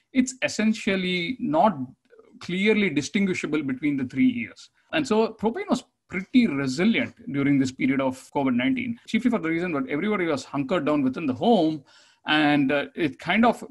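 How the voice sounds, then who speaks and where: A man's voice: a little high, slightly rough. A man giving a webinar slide presentation over a video call, explaining steadily with many fillers and restarts. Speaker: conference presenter.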